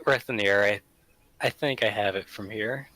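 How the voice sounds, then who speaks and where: A man's voice: lowish voice, moderate pace, bright, forceful tone, no echo, low-quality recording. A man chatting casually as a player in a tabletop role-playing game.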